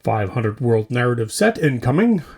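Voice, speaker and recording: A man hosts a tabletop wargaming hobby news podcast, delivering a scripted, tongue-in-cheek news roundup with mock commercials in short, punchy phrases. His voice is medium-pitched and sing-song at a moderate pace, creaky and a little mellow with a breathy edge.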